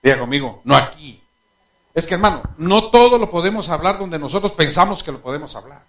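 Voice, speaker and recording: A male pastor with a highish voice moves at a quick pace through his sermon. He laughs as he tells his animated anecdotes and addresses direct questions to the congregation.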